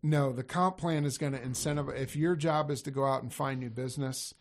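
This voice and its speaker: A man's voice: medium pitch, steady tone, a little fast, slight background noise. A man talking casually on a podcast as a sales coach, rambling and correcting himself as he goes. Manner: rambling, self-correcting, laughs easily.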